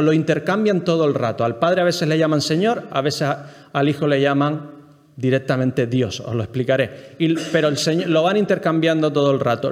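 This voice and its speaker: Male Bible teacher from Spain, higher register, explanatory lecture to a group, long hall reverb. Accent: Spain Spanish. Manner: explanatory, keeps checking in with the listeners and asking them questions.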